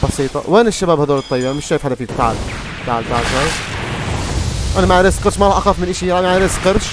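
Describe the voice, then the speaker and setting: A young man giving excitable live gameplay commentary, often exclaiming at surprises, with game music behind him. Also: high voice, very fast. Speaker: gaming youtuber.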